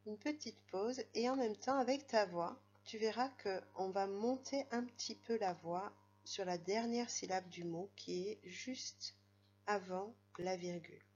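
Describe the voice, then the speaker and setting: A woman with a French accent teaching a primary school reading lesson, speaking gently and patiently straight to a child at home. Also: medium pitch, highs cut off. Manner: slow, gentle, patient, addresses the child directly.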